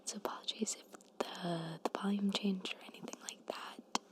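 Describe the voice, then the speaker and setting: A woman making ASMR content speaks softly in a breathy, slightly hoarse near-whisper, rambling and reading out facts. Her medium-pitched voice stays level at a moderate pace, and she sounds hesitant, self-conscious and informal. The microphone sits at close to moderate distance.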